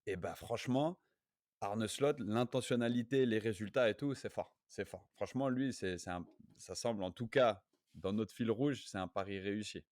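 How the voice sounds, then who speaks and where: A man's voice: on the low side, moderate pace, no room sound, clean studio sound. A man co-hosting a casual podcast discussion, thinking aloud with restarts and often checking in with "you see". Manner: animated, thinks aloud with restarts and frequent "tu vois". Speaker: podcast co-host.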